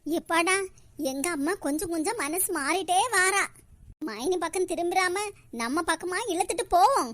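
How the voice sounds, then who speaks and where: A woman's voice: extremely high pitch, normal speed, a bit bright, no room sound. A woman voicing a scheming young woman in a cartoon, with a Kanyakumari Tamil accent and gloating asides.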